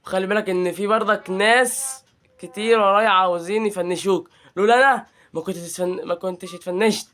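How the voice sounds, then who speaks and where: A man's voice: high-pitched, steady tone, quick pace, fairly bright tone. A young man with an Egyptian Arabic accent commentating his gameplay, playful and teasing as he trash-talks the game. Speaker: gaming channel host.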